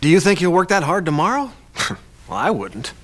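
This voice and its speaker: A man's voice: fairly high pitch, sing-song, normal speed, a bit bright. A man presenting a workplace coaching lesson in a conversational, emphatic scripted narration.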